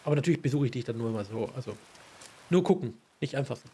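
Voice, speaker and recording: A man's voice: mid-range voice, lively intonation, quick pace, mellow, slight background noise. A man in his thirties streaming a game, chatting casually and thanking viewers as he plays. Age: 30s. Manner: chatty, thanks chat viewers while playing. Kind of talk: casual live stream chat.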